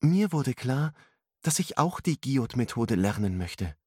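A man's voice: mid-range voice, sing-song, measured pace, darkish tone, slightly rough, no room sound, clean studio sound, voice pushed up. A man voicing an earnest young woman who speaks thoughtfully. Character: young woman, earnest student wanting to help.

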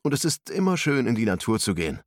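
A man's voice: mid-range voice, very animated, fast talker, no room sound, clean studio sound, voice pushed up. A man voicing a young man who questions doubtfully but stays cheerful.

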